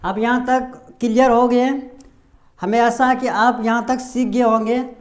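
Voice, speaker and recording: A man from India teaching English pronunciation, slowly explaining each rule and answering his own questions. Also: very high voice, fairly even intonation. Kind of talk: slow explanatory lesson with repeated questions.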